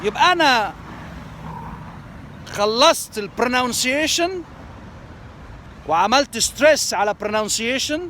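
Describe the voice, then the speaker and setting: A man's voice: very high-pitched, expressive, takes it slowly, long pauses, sharp tone, slight background noise. An Egyptian man with an Egyptian Arabic accent teaching language skills, explaining terms and repeating them in Arabic and English. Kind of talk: lesson promo, switching between Arabic and English.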